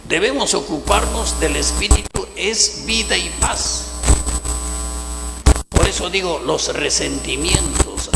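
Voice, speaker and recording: A man preaching a fervent sermon as pastor, his voice gravelly, swinging between soft passages and loud bursts. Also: on the high side. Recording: echoey church hall, long reverb.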